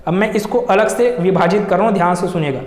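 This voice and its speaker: A young man teaches a class, posing a question and then answering it himself, drawing sounds out to show them. His voice sits high. He is recorded in a roomy classroom with long reverb. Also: quick pace. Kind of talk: explaining a lesson to students.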